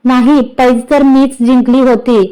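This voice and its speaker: A woman's voice: high-pitched, flat delivery, unhurried, warm tone, clean tone, poor audio. A woman voicing a playful young wife who turns meek before her elders, in a Marathi storybook reading.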